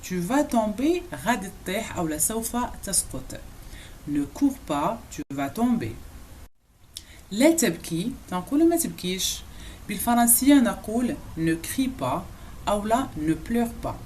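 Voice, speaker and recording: A woman with a Moroccan accent teaching French phrases, saying each one slowly and repeating it before a quick explanation. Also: mid-range voice, sing-song, a little mellow, a little hiss or hum. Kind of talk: language lesson explaining phrases.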